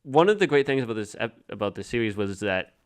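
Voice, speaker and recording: Smooth-voiced man, halting chat. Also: fairly low pitch, lively intonation. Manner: halting, full of restarts and repeated "like". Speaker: podcast co-host. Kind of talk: casual chat.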